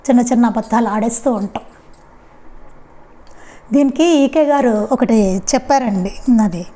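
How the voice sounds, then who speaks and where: A woman's voice: a little high, mellow. A woman giving a devotional satsang talk in a conversational storytelling way, with frequent rhetorical questions. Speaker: spiritual speaker.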